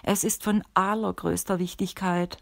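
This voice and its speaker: A woman reading the lines of a calm, stern old male sorcerer teacher in a measured, instructive way for an audiobook. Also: fairly low pitch, gravelly, dry recording.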